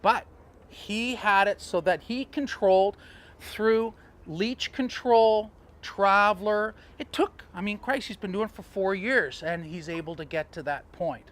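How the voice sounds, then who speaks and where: Man, high-pitched, sailing coach, animated storyteller. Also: measured pace. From Canada. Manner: animated, storytelling, chuckling asides. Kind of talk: outdoor teaching talk.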